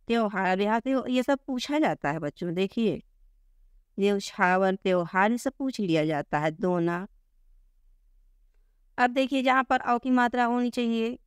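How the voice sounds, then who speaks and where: A woman's voice: medium pitch, clean tone, dry recording, studio quality. A woman Hindi teacher giving a grammar lesson to school students, calling them children and repeating each word for emphasis. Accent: Hindi, north Indian.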